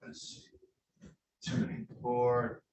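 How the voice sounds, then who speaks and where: A man's voice: medium pitch, monotone, slow. Role: judge. Sex: man. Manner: formal, hesitant. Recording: distant, roomy courtroom recording with faint hum. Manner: formal, polite, with frequent hesitations. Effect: courtroom recording from a distant room mic. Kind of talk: presiding over a remote court hearing.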